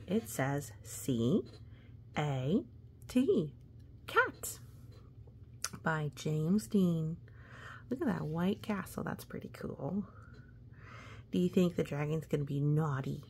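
Reading a children's story to what sounds like a young child, this woman uses a deep, mellow voice and tosses in playful exclamations along the way. There's a faint hiss or hum in the background.

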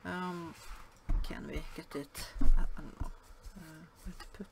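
A Norwegian woman with a Norwegian accent, speaking English as a second language, talks slowly and somewhat low with vocal fry, hesitating often with fillers and restarts. She's a yarn vlogger doing a relaxed show-and-tell home vlog, filmed by a camera above the table that shows only her hands. Faint room noise can be heard in the background.

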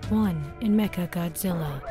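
A woman voicing a calm, helpful female computer AI that speaks in a slow, even, polite way. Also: on the low side, lightly acted. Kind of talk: fan film acting. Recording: loud music underneath.

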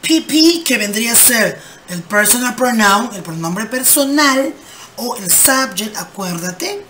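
Speaking on the high side with an expressive, bright and forceful tone, a woman patiently explains English grammar at a slow pace. She poses rhetorical questions only to answer them, and her English examples come out slow and clear against faint background noise.

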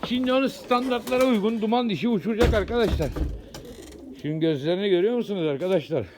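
A man with a high voice talks through a casual outdoor vlog at his pigeon loft. He is chatty, repeats words and keeps addressing his viewers as he follows the birds. Faint background noise and cooing pigeons run under a phone-camera recording. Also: fast talker. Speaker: pigeon keeper vlogger.

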